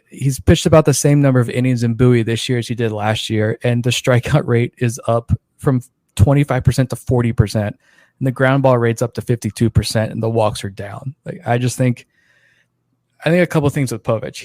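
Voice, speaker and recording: A man's voice: mid-range voice, warm tone, no echo, studio quality. A man co-hosting a podcast in casual chat, a little out of breath, rambling with many restarts, speaking from a small closet. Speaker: podcast co-host.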